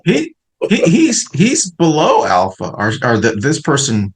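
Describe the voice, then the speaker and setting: A man's voice: a little high, wildly swooping pitch, a little slow, breathy edge. A man chatting casually as the co-host and sidekick of a talk show. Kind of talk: casual chat.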